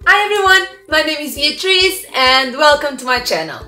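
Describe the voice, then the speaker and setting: A young woman from Portugal chatting excitedly in a casual vlog, full of "like" fillers. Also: high-pitched, moderate pace, roomy sound, faint music behind. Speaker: vlogger.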